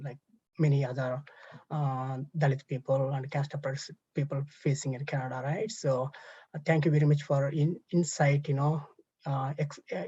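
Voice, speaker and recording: Man, panel host, husky and monotone, hesitant, dull dry call audio. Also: a little high, dry recording. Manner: hesitant, stumbling with fillers. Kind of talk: hosting an online panel. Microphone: video call.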